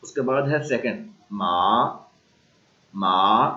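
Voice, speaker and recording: A man with a Pakistani accent teaching an online language class, slowly drilling and repeating sounds. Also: mid-range voice, dull audio. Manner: slow repeated drilling of tones.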